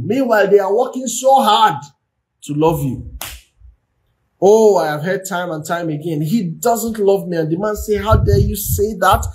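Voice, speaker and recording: A man's voice: sits high, a little mellow. A man speaks on a livestream as a relationship coach. His delivery is preachy and full of repeated phrases. He regularly checks in with his listeners by asking whether they understand. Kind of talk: livestream marriage advice talk.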